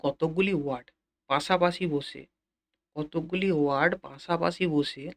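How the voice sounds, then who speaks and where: A man teaching an English lesson in a Bengali accent, repeating key phrases slowly and speaking directly to his students. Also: a little high. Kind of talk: classroom-style lesson explanation.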